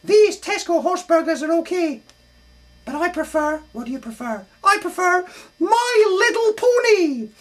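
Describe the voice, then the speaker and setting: An absurdly high, squeaky falsetto with a Scottish accent. It is a cheeky, excitable sock puppet in a comedy double act. The delivery is silly patter built on setups and punchlines. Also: male voice, unhurried.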